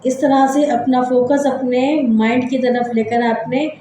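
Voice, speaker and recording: Woman talking u thru a body scan meditation, soft mellow voice a bit high, lots of room echo. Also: steady tone, a little slow, slight background noise. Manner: gentle, repetitive step-by-step guiding. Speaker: psychology channel host.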